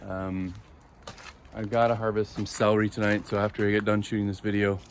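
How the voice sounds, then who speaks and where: Low-voiced man touring his garden. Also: level tone, fairly quick, slight background noise. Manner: rambling, with many ums and uhs. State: out of breath. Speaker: vlog host giving a garden tour. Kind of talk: casual garden tour vlog. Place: outdoor home garden.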